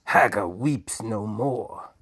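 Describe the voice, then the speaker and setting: A man voicing a cruel, cold old duke villain who snarls, rasps and screams. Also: on the low side, slow, fairly bright tone, no room sound, exaggerated voice. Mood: cold menace.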